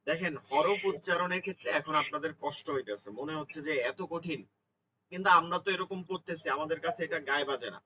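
A man's voice: fairly high pitch, brisk, sharp tone, recorded from a distance, lo-fi sound. A man teaching Quran pronunciation, patiently demonstrating letter sounds and repeating them. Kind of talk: online tajweed lesson. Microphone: online class audio.

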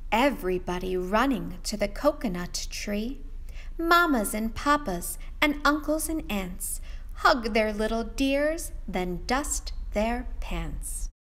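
A woman hosting a children's read-aloud, reading a picture book in a sing-song way that moves between hushed and loud lines. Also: a little high, lively intonation, slow.

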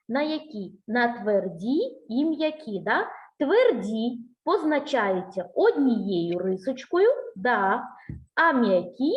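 A woman's voice: fairly high pitch, dull audio. A woman giving a one-on-one speech lesson to a child, patient and encouraging, asking many questions and singing out vowel sounds to demonstrate them. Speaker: speech teacher.

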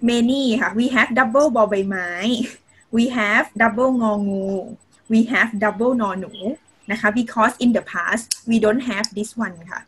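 The recording is rough, and this Thai teacher stretches out her words in a higher-pitched voice. Teaching online by video call, she switches between simple English and Thai and regularly includes polite particles.

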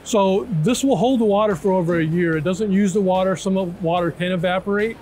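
Briskly and in a high, darkish voice, a man in his fifties explains a product piece by piece during an interview. He punctuates his explanations with "right?" and "okay?" to check in, and background music carries under the trade show talk in the large indoor hall.

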